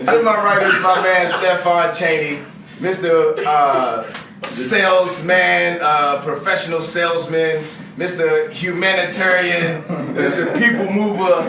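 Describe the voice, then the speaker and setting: A man hosting a panel talk show, introducing guests with energetic hype and frequent laughter. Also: high-pitched, a little slow. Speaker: host. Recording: echoey room from far off with noise.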